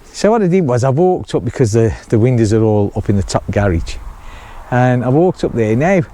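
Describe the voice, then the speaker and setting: A man's voice: mid-range voice, lively intonation, brisk, mellow. A middle-aged man chatting casually to camera outdoors, rambling and laughing often as he explains his building work. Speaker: vlogger building a chalet.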